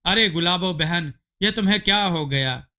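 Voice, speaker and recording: A man's voice: sits high, normal speed, sharp tone. A man voicing a worried village neighbor woman in a storybook tale, concerned and pleading.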